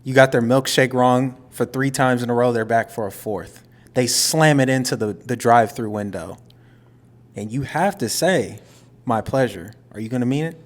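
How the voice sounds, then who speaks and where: A young man chatting casually with his partner on a podcast, with dry, teasing remarks and frequent laughter. His pitch sits in a middling range, neither deep nor high. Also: normal speed. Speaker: podcast co-host. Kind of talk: casual couple chat.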